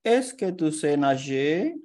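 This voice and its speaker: Female language teacher, lowish mellow voice, very slow, careful delivery of scripted examples. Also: sing-song. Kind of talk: slow scripted grammar lesson.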